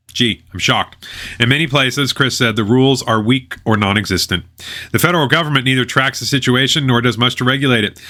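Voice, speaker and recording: A man's voice: fairly low pitch, bright, forceful tone. A man reading out news items and reacting with blunt, sarcastic, dismissive opinionated commentary.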